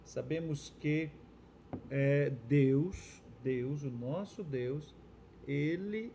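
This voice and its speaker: Brazilian man cohosting a bible chat, warmish soft voice, lots of agreeing. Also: fairly high pitch, very slow, slight background noise. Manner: affirming, chimes in with agreement and adds points. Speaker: church co-host. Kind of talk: Bible study dialogue.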